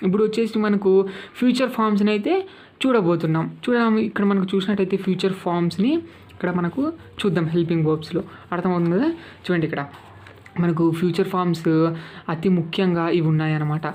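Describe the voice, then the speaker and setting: A woman's voice: on the low side, fairly even intonation, fast talker, a little mellow. A woman teaching an English grammar lesson. She explains patiently, repeats each point and keeps asking whether the learner has understood. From Telugu-speaking South India. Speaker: English tutor.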